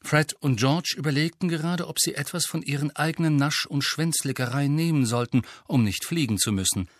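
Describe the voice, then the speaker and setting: A man narrating an audiobook in a steady, measured reading. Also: fairly high pitch, dry recording, studio quality. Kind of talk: scripted narration.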